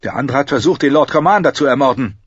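A man's voice: mid-range voice, animated, fast talker, slightly rough, no room sound, muffled recording, pitched above the performer's own voice. A man voicing a proud, bitter knight who talks in a resentful, snapping, insistent way. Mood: urgent report.

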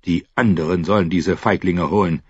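A man doing a steady, wry knight. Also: low voice, normal speed, slightly rough, dry recording, highs cut off. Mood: stern. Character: steady, dry-humored knight.

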